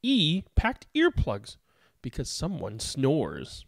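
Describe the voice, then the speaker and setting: With a gravelly, medium-pitched voice, a reader delivers a children's picture book deliberately and expressively, giving words emphatic stress. The sound is clean studio audio without echo.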